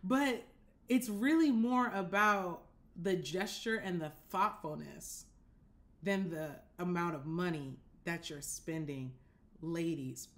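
A young woman hosting a casual dating-advice talk from her apartment, speaking straight to the camera, animated and direct, often checking that listeners follow. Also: fairly low pitch, slow pace. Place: apartment living room, indoors.

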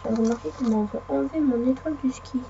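Hoarse with a cold and sniffling, this female let's play gamer rambles through casual commentary while playing, addressing the game and her audience alike. She has a high-pitched voice, talks fast, and sounds warm. The recording is muffled, with a bit of background noise.

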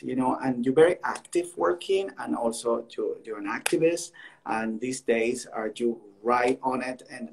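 A man working as an art dealer, speaking English as an in a halting way that repeats words, over a video call. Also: mid-range voice, vocal fry. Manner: halting, repeats words, non-native phrasing. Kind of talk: casual conversation on a livestream.

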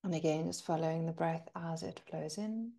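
A woman with a low-pitched, creaky voice guides a breathing meditation as a teacher. She speaks softly and soothingly, leaving long pauses.

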